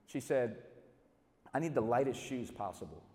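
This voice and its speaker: A middle-aged male pastor preaching a storytelling sermon, dropping quiet and then building to loud emphasis. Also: mid-range voice, lively intonation, moderate pace. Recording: reverberant hall.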